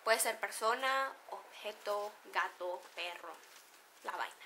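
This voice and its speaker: A woman's voice: medium pitch, slow pace, background noise. A woman with a Venezuelan accent chatting playfully to camera, laughing often as she explains slang. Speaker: beauty vlogger. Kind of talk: casual chat to camera.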